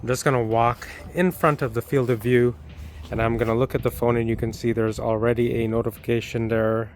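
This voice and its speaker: Man narrating a conversational product review. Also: mid-range voice. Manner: explanatory, informal.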